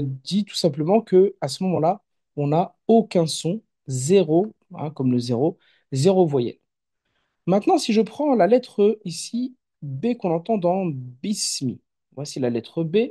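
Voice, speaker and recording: A man's voice: fairly high pitch, dark tone. A man teaching Arabic letters in an online masterclass, patient and explanatory, with frequent fillers and restarts.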